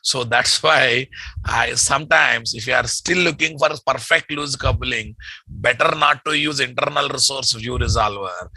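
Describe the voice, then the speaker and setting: A man's voice: mid-range voice, a little slow, pushed and bright, breathy edge, no echo, rough recording. A man with a Telugu Indian English accent lecturing as a programming instructor, emphatic and repetitive, often quizzing his listeners with tag questions. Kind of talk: classroom lecture, repeating terms for dictation.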